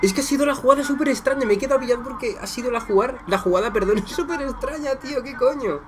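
Reacting live to a football match, a young Spanish man with a Spanish accent talks to his viewers like friends, excitable and profane. His voice is extremely high and fast, and he shouts at goals and mutters in between, with crowd noise behind him.

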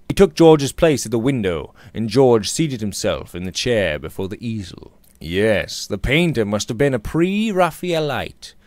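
A man in his thirties gives a theatrical audiobook reading of a Victorian novel, his mid-range voice measured and emphatic. He sits close to a studio condenser microphone on a boom arm in a small room, with no room sound audible.

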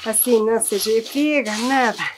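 High-voiced middle-aged woman, Andean Spanish accent. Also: a little slow. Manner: homely, fond diminutives. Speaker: vlogger demonstrating farm cooking. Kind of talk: casual cooking demonstration to camera. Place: small indoor rustic kitchen with wood fire. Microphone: handheld camera or phone nearby. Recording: clearly noisy, clicking kitchen sounds.

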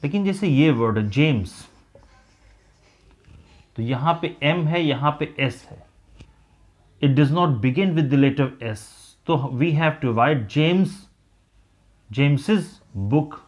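A man teaching an English grammar lesson, explaining slowly and deliberately. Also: fairly high pitch, animated, a little mellow, highs cut off. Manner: slow, deliberate explaining, mixing English and Hindi.

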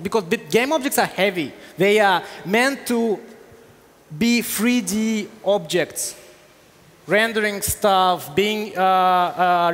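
High-voiced man answering questions on stage. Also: fairly bright tone. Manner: explanatory, with hesitations. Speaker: conference speaker. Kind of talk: technical Q&A on stage. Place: large hall on stage. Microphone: headset. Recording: reverberant hall.

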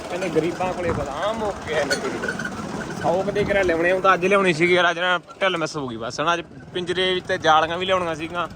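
A man's voice: a little high, noisy background. A man with a Malwai Punjabi accent, chatting casually to camera about his pigeons. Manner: chatty, jokey, talks to boys and pets around him. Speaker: pigeon keeper vlogger. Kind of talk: casual vlog talk to camera.

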